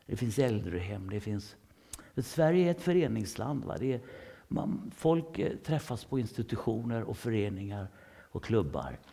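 Husky low Swedish preacher, lively delivery. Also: male voice. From Sweden. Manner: swings between hushed whispers and sudden loud bursts. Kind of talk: informal sermon to a congregation.

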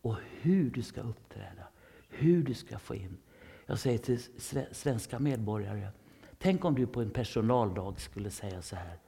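A man with a Swedish accent preaching an informal sermon, dropping into hushed whispers and then rising into sudden loud bursts. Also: fairly low pitch, animated, vocal fry, slightly rough. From Sweden.

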